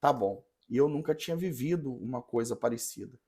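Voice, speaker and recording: A man who is a parish priest, telling a story in a podcast conversation with an earnest, halting manner and many restarts. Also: medium pitch, expressive, warm tone, slightly rough.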